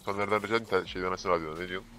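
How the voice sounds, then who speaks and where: A man talking in a disguised deep voice while gaming, joking and swearing with a friend. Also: fairly even intonation, rapid-fire, bright, forceful tone, slight background noise. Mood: gruff banter. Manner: swearing, joking gamer banter.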